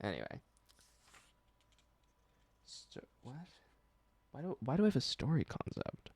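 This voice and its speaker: A man's voice: medium pitch, wildly swooping pitch, a little slow, creaky, a little mellow, breathy edge, no echo. Man, musician, talks through his own song, chatty and scattered, plays snippets, dry close sound. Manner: rambling, self-interrupting, laughs at himself; stops and restarts to play keyboard and guitar. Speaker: singer-songwriter. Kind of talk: casual song breakdown.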